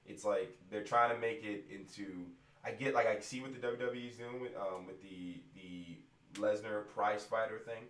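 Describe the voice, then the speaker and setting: A man's voice: lowish voice, fairly even intonation, moderate pace, a bit bright, distant mic. A young man going on a profane, exasperated rant about wrestling in a casual vlog. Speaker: rapper venting about wrestling. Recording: roomy echo, away from the mic.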